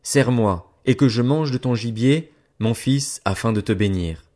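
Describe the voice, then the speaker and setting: A man's voice: mid-range voice, unhurried, a little mellow, natural voice. A man reading as an old, solemn father.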